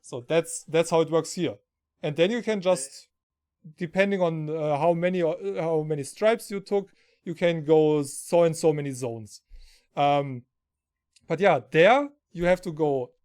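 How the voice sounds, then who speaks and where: A man's voice: on the high side, measured pace, darkish tone, clear, resonant tone. A German man from southern Germany hosting a casual stream, telling rambling anecdotes and laughing often. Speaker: stream host.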